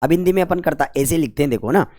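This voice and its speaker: A man's voice: fairly high pitch, rapid-fire, a little mellow. A man teaching grammar, repeatedly asking and answering his own questions in a colloquial way. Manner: repetitive call-and-response questioning, colloquial 'apan'. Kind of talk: whiteboard grammar lesson.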